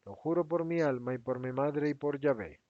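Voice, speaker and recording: A man's voice: on the high side, moderate pace, dry recording, natural voice. A man voicing Judas, a resentful and defensive adult apostle who protests in a raised, agitated voice. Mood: indignant. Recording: dry, slightly dull recording.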